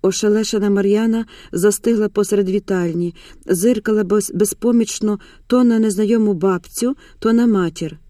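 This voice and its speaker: A woman audiobook narrator reads a novel aloud from a script in a mellow, mid-range voice at a moderate pace. The recording is dry and of studio quality.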